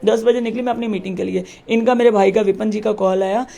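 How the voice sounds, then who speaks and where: A woman's voice: medium pitch, steady tone, quick pace, creaky, dark tone. A woman who heads her village, recounting a confrontation with the police in an interview and acting out the dialogue emphatically. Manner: emphatic, acts out quoted dialogue. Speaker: village head.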